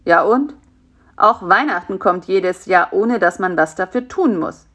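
A woman's voice: mid-range voice, measured pace, fairly bright tone. A woman voicing a fat, lazy male spider who acts the know-it-all but is timid at heart, in a storybook reading. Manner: sleepy, smug, fretful. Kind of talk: storybook character voice.

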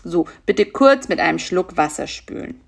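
A woman's voice: on the low side, lively intonation, creaky. Doktor Schnake, a woman doing a fussy mosquito dentist. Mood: brisk. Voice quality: brisk, professional, politely fussy.

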